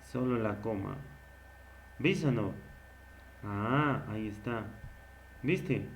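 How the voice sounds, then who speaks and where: A man teaching literature in a recorded lecture. He asks questions and answers them himself, and he repeats key words slowly. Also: lowish voice, slight background noise.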